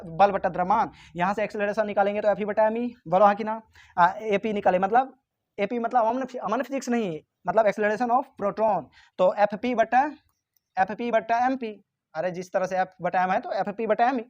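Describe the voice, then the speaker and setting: A man whose voice sits high, recorded with the highs cut off, leads a question-by-question physics exam-prep lesson. He teases and scolds his students and now and then responds for them himself, voicing them.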